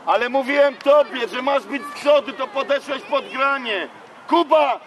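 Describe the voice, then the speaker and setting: A man coaching a youth football team from the touchline, shouting urgent short commands and players' names outdoors. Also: extremely high pitch, moderate pace. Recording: noisy outdoor crowd recording. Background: crowd and street noise.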